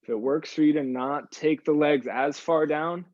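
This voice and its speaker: A man leads a live workout session in a voice on the high side, a little mellow and at a moderate pace. The recording is dry with the highs cut off. He cues moves and repeats short praise to the group, sighing audibly as he exerts himself.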